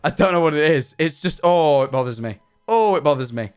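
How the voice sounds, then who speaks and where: Animated rambling young man. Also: on the high side, brisk, smooth, faint music behind. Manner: rambling, animated, self-mocking. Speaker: livestreamer. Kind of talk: casual stream chat.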